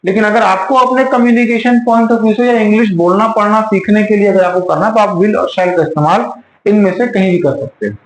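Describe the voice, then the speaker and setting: Fairly quick and high-pitched, a male teacher runs a classroom grammar lesson. He keeps quizzing the students with the same questions again and again, recorded with a roomy classroom echo.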